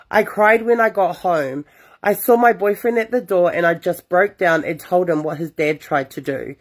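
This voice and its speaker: A young woman, reading listener confessions aloud as host and reacting with sassy asides. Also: mid-range voice. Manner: animated, sassy asides between read stories. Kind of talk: casual storytime reading with reactions.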